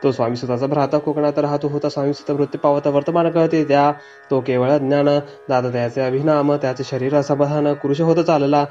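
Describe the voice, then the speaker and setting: A man reading a devotional scripture aloud in a steady, sing-song way, as a recitation. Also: fairly high pitch, brisk. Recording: dull lo-fi recording with faint music.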